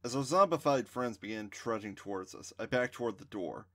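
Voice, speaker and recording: Male audiobook narrator, bright voice, lively intonation. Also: mid-range voice, fairly quick. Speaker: storyteller. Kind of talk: first-person story narration.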